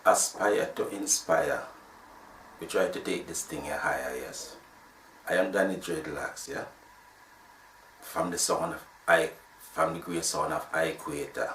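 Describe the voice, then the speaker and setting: A man's voice: very deep voice, steady tone, a little slow, pauses often, a bit bright, distant mic, a little hiss or hum. A man in his sixties from Jamaica, with a Jamaican accent, telling his story in a rambling way full of restarts. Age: 60s. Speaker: sound system founder. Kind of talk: casual interview talk. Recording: roomy, from off the mic.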